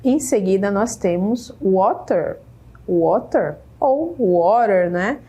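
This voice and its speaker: Slow, patient Brazilian woman teacher. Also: mid-range voice, animated, mellow, husky. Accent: Brazilian Portuguese. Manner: repeats each English word several times, adds "né?". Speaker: English teacher. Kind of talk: slow, careful classroom explanation. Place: state school media center studio.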